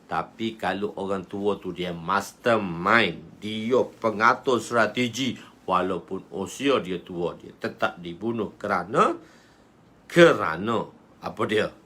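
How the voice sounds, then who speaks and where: A man with a Malaysian Malay accent teaching a hadith book as a religious teacher, lively and acting out the speech he quotes. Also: deep voice, husky. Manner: animated, acts out quoted speech.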